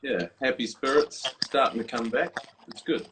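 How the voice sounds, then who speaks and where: A man's voice: mid-range voice, normal speed, background noise. A man being interviewed from his office over a video call, explaining a product with many fillers and restarts. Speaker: guest, coffee brewer designer.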